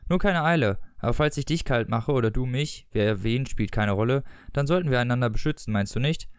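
A man voicing a frail, cool and scheming elderly husband with a dry, unhurried manner, in a German story reading. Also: medium pitch, animated, clear, resonant tone, no echo, natural voice. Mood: mocking.

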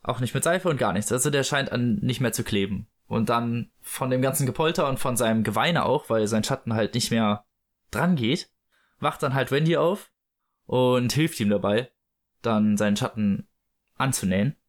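A man's voice: mid-range voice, moderate pace. A man casually retelling a story as a host, loose and full of fillers. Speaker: host reading and discussing a book. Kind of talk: casual chat and book read-aloud.

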